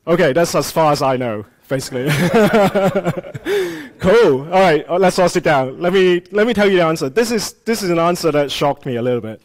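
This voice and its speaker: A male conference speaker, a native Cantonese speaker from Hong Kong, addresses a room of developers in a live tech talk. His voice is fairly high with lively intonation at a moderate pace. He explains his slides loosely and conversationally, with many "um" and "uh" fillers.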